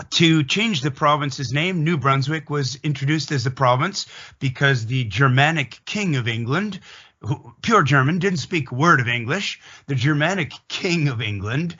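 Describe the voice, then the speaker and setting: A man from Atlantic Canada with a Canadian accent delivers an opinionated, emphatic explanation in an interview, deliberately shaping it like a story. His voice is on the high side, sharp and husky, on lo-fi audio.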